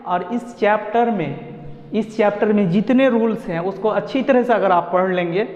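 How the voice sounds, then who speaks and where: A man teaching an online English pronunciation lesson, explaining slowly and repeating each point step by step. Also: sits high, darkish tone. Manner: slow and repetitive, explaining step by step. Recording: echoey room, dull lo-fi sound.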